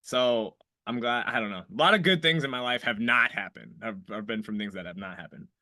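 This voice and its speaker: A man's voice: mid-range voice, fairly quick, pushed and bright, dry recording, studio quality. A man in his thirties from Iowa hosting a casual podcast interview, rambling and swearing freely, with lots of restarts. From Iowa, United States. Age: 30s. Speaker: podcast host.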